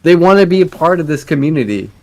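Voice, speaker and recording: A man's voice: fairly high pitch, lively intonation, fast. A man in his late twenties talking in casual voice chat, rambling with many fillers and restarts. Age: 20s. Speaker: guild leader.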